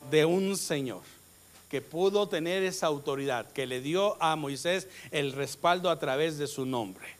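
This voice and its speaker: Male pastor, Mexican Spanish accent, measured sermon pace, call-and-response questions, sudden loud emphasis. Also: on the high side. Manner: slow, emphatic delivery with sudden loud rises.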